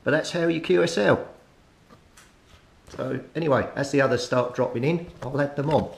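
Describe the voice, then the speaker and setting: A British man hosts a hobbyist video, giving casual how-to commentary as he works and muttering informally to himself while he thinks aloud. His husky voice has vocal fry at a normal speed, over a steady low-rumbling background noise.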